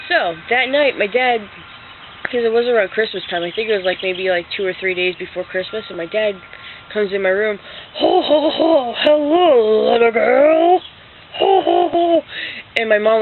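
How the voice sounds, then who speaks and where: A young woman in her twenties telling a childhood story to her webcam, chatty and rambling with lots of "like"s. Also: medium pitch. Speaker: vlogger. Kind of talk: casual storytelling. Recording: tinny lo-fi webcam audio, faint noise.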